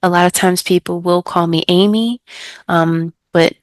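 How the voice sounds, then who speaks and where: An American woman who works as an ESL tutor, giving other tutors chatty teaching tips and acting out student exchanges in a brighter voice. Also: lowish voice, steady tone, measured pace, dry recording. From United States.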